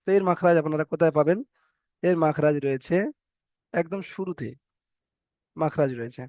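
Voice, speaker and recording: A man teaching a Quran recitation class online, who explains slowly and repeats each rule and letter sound for his students. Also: fairly high pitch, darkish tone, no echo. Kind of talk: online tajweed lesson.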